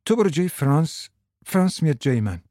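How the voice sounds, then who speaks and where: A man voicing a cold, scheming middle-aged wife who speaks quietly and calmly in a radio drama. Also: a little high, no echo, clean studio sound, pitched above the performer's own voice. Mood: quietly insistent. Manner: quiet, calm and controlled.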